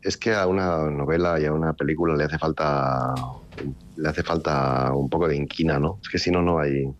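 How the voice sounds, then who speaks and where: A man's voice: extremely low pitch, steady tone, normal speed, lo-fi sound. A middle-aged man from the Country, an author chatting in an interview. He rambles with many restarts and a wry, ironic streak. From Basque Country, Spain. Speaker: novelist being interviewed. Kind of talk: casual interview talk.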